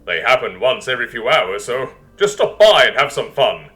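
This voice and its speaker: A man's voice: mid-range voice, very animated, moderate pace, bright, forceful tone. A man voicing a flamboyant, slightly mad, party-loving lemur king with a showy, exuberant manner. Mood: exuberant, festive.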